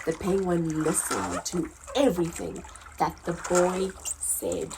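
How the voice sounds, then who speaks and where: A woman on the low side of the pitch range reads a picture book to young children as a story time host, stretching words out expressively and deliberately. Background noise can be heard.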